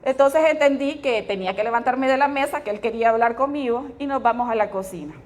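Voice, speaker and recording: A woman's voice: on the high side, fast, a little mellow, slight background noise. A middle-aged woman with a Honduran accent tells her personal testimony to a live audience. She speaks in a storytelling way and often turns to her listeners with tag questions. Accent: Honduran Spanish. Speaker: testimony speaker at a women's fellowship meeting.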